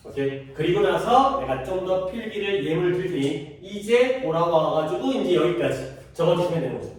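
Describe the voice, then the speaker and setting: A man's voice: fairly high pitch, a little mellow. A male teacher giving a classroom grammar lesson, quizzing his students and repeating key terms. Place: classroom at a cram school. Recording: echoey classroom, voice from far off.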